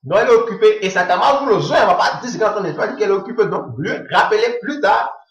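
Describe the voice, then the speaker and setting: Guy doing a comic bit, voice jumps all over, acts out calls in low mutters, roomy echo. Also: animated, racing, gravelly, fairly bright tone, lo-fi sound. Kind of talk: comic monologue.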